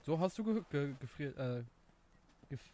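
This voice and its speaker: A young man from Luxembourg, with a Luxembourgish accent, chats casually while streaming a game, rambling, laughing, mocking himself and searching for words. His voice is a little high and dark-toned, with lively intonation at a measured pace.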